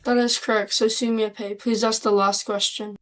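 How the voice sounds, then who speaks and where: A woman's voice: medium pitch, level tone, normal speed, rough recording. A woman reading a prepared lesson aloud as a student presenter. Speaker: student presenter and quiz asker. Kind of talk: reading a prepared class talk.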